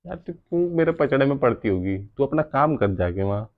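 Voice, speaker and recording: Lively quarrelsome man, phone-like sound. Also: medium pitch, fairly quick. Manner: loud, defiant and quarrelsome. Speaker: prank video host. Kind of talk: staged husband-wife prank argument.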